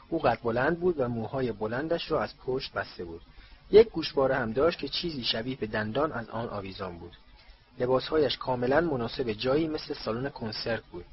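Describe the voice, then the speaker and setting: A man narrating a novel as an audiobook, in measured storytelling that voices each character. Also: medium pitch. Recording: slightly dull recording, faint hiss.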